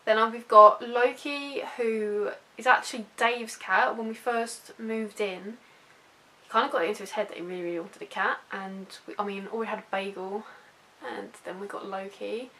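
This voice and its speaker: The rough recording carries a little hiss or hum as a young British YouTuber gives a rambling, self-deprecating chat to camera. She speaks at normal speed in a mid-range voice with fairly even intonation and a sharp tone.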